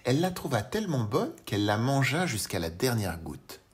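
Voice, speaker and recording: A man narrating a children's audiobook in an expressive storytelling manner. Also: medium pitch, normal speed.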